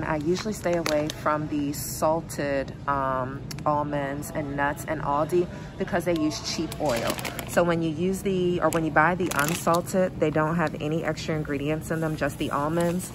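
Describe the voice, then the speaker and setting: A woman filming a casual shop-with-me vlog, chatting excitedly to viewers as y'all while browsing store aisles on a handheld phone. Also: low-pitched, background noise. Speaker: vlogger and therapist.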